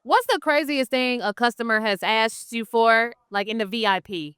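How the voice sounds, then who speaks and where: A woman interviewer asks her questions loosely and with curiosity, often pausing to restart a sentence. Her voice is fairly high and smooth, and the recording sounds dry and close. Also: fairly bright tone, dry recording.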